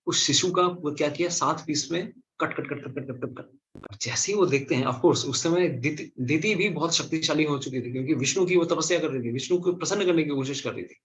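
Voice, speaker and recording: Animated male scripture storyteller. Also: on the high side, brisk. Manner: animated, asks and answers his own questions. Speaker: speaker at a scripture class. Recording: slightly dull lo-fi recording.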